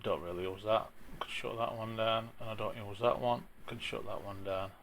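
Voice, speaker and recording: A man with a broad Yorkshire accent talking through an informal software tutorial in a plain-spoken, chatty way, with a gravelly voice. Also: fairly low pitch, steady tone, normal speed, a little hiss or hum. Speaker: tutorial presenter.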